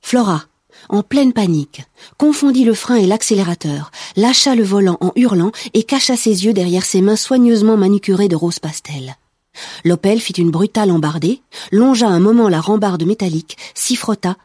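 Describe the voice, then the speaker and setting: A woman narrating an audiobook in a steady, measured manner, on a close studio mic. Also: on the low side, breathy edge, no room sound. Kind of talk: scripted narration.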